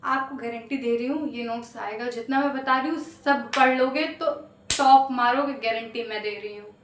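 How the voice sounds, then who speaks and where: Chatty high-voiced woman teaching maths. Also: steady tone, normal speed, a little hiss or hum. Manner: chatty, coaxing, repeats promises and guarantees. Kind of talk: casual online lesson. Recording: echoey room.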